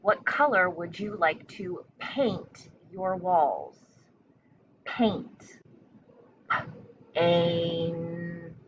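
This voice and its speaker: A woman's voice: on the low side, expressive, slow pace, hardly any pauses. A woman teacher giving a spelling lesson and dictation, enunciating carefully and repeating in an encouraging, instructional way. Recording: muffled lo-fi sound with faint noise.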